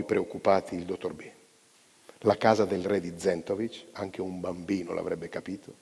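Male stage reader, dramatic narration, gravelly and husky, echoing in a big hall. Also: low voice, a little mellow. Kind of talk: live reading of a novella. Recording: long hall reverb.

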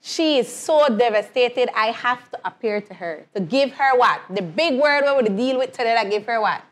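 A woman's voice: on the high side, expressive, normal speed. A woman leading a Bible lesson, retelling the story and asking her co-hosts questions. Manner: asks questions and answers them herself, repeating phrases.

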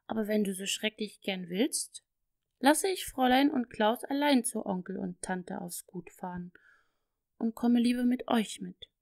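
A woman voicing a gentle, tender father in a storybook, speaking warmly and teasingly. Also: medium pitch, unhurried, vocal fry, no room sound, studio quality.

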